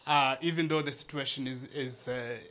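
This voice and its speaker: A man's voice: medium pitch, fairly even intonation, moderate pace, a bit bright, slight background noise. A man, giving an earnest speech to a live audience, laughing often and restarting his phrases. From Eastern Democratic Republic of Congo. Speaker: founder of a charity speaking at an event.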